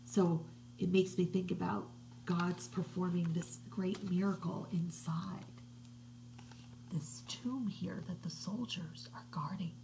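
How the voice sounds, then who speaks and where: A middle-aged children's religious educator reads a picture book to children from her living room, slow and hushed, sometimes dropping to a soft whisper. Her voice is a little low and gravelly, with fairly even intonation. A webcam at desk distance picks her up, with a faint hiss behind.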